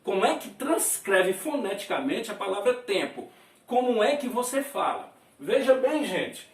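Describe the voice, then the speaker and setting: A Brazilian man teaching a lesson at a board, explaining slowly, drawing out sounds and chuckling often. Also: high voice, sing-song. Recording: roomy and distant from the mic.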